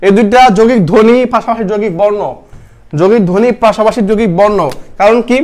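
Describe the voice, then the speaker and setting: A man's voice: sits high, steady tone, quick pace, darkish tone. A young man teaching a live online grammar class for admission test students, repeating each question and quizzing his viewers.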